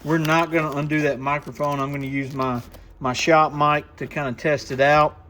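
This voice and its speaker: Indoors at his radio shop, a man presents a product demo, walking through it hands-on in a casual, plainspoken, folksy way, step by step. His voice is on the high side and bright, with a forceful tone, flat delivery and normal speed. A slight background noise is present.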